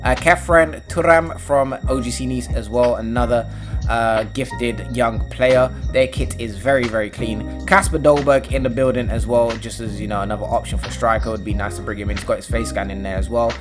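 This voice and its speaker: Young guy, mid-pitch, casual rambling game commentary with bursts of loud excitement, faint music underneath. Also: moderate pace. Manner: rambling and slangy, with sudden loud excited outbursts. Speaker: gaming YouTuber.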